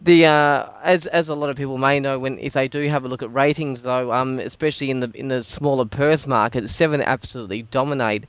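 An Australian man hosting a casual discussion, speaking haltingly and repeating words as he goes. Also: mid-range voice, clear, resonant tone, no room sound, lo-fi sound. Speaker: podcast host.

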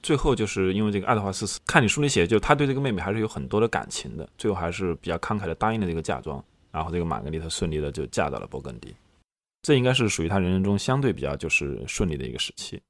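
Male host, lowish voice with lively swings; casual, explanatory, colloquial interview chat. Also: very fast. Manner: colloquial, explanatory, summing up and prompting the guest.

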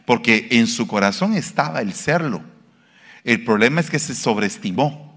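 A man's voice: mid-range voice, expressive, moderate pace, fairly bright tone. A male pastor, preaching a sermon and putting questions to the congregation. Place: church. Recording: reverberant church hall.

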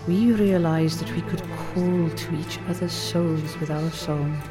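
A woman voicing a calm female principal teacher who tells an old legend in a measured, gentle cadence. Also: low-pitched, music in the background. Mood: storytelling. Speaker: teacher figure in an audiobook. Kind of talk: audiobook character reading.

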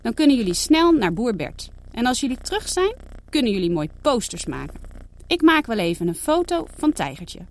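Woman reading a calm, firm mom. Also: fairly high pitch, moderate pace, a little hiss or hum. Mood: motherly. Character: kind, firm mother of two girls.

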